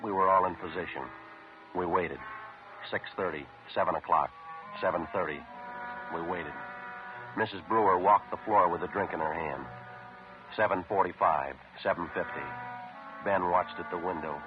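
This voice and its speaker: An old-time radio crime drama police detective acted by a man, with a very deep voice and a terse, businesslike delivery. He sounds deadpan and matter-of-fact, each phrase clipped. The vintage broadcast sound is muffled and narrow, with music. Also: natural voice. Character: terse, businesslike male police detective sergeant narrating his case.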